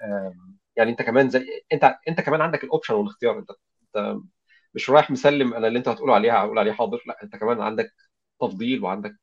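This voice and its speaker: A man with an Egyptian Arabic accent, joining a casual podcast discussion with rapid offhand remarks. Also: medium pitch, breathy edge, muffled recording. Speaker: podcast co-host.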